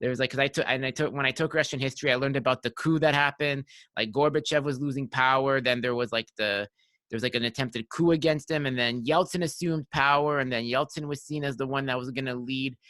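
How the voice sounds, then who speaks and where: In this casual interview chat, a thirty-ish podcast host rambles through his questions, constantly saying "like" and starting over. His bright, forceful voice sits at a medium pitch, holding a steady tone at a fast pace, and the audio is close and dry without any echo.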